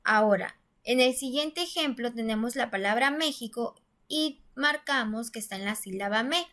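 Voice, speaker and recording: A woman's voice: a little high, moderate pace, bright, forceful tone. A woman teacher giving a step-by-step grammar lesson, patiently explaining and saying syllables aloud with stress. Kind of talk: classroom-style grammar lesson.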